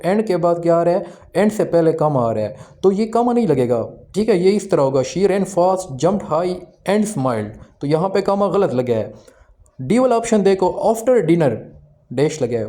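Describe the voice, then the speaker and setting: A man with a fairly high, mellow voice teaches English exam answers. He asks his own questions and then answers them. He reads each English sentence slowly before explaining it. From Pakistan.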